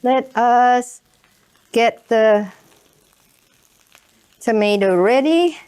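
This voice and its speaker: A woman's voice: on the high side, very slow, a little mellow, clean tone. A woman hosting a cooking show, chatting through the steps as she cooks and often checking in with "right?". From Indonesia. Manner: chatty, keeps asking "right?". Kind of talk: cooking demonstration. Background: sizzling pan.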